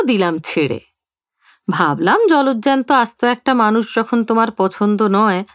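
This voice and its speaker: A teasing older husband, as a woman narrator puts him on, full of playful, mock-innocent banter. The voice sits fairly high and swings lively up and down. It is heard dry and close, like an audio storybook. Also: no room sound.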